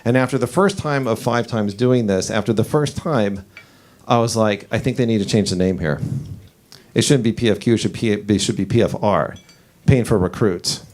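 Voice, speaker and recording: A man in his forties performing a stand-up comedy set, telling stories in an animated way with his voice rising as the story builds. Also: moderate pace. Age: 40s. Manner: animated storytelling, pitch climbing as the story heats up. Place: comedy club stage.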